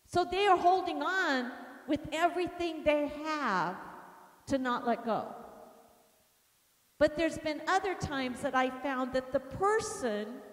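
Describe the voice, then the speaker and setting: High-voiced woman preaching in echoey hall. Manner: animated storytelling, acts out quotes. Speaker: deliverance minister teaching a class. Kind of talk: teaching sermon with personal stories. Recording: reverberant hall.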